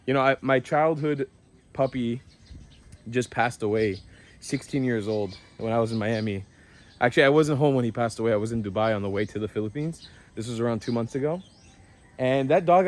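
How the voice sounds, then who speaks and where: A young man casually narrating a vlog, explaining repairs and chores. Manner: loud pitched-up dog commands; relaxed explaining tone. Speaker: vlogger.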